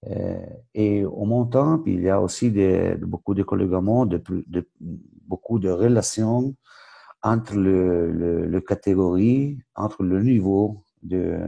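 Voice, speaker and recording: Low, gravelly man with an Italian accent. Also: warm tone, muffled recording. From Switzerland. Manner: halting, searching for words in a second language. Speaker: football coach educator. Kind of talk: webinar presentation.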